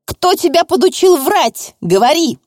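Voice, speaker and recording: Woman doing a shrill, bullying court assessor. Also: big pitch swings, moderate pace, no room sound, studio quality. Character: stern older female court assessor, bullying. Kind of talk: audiobook reading.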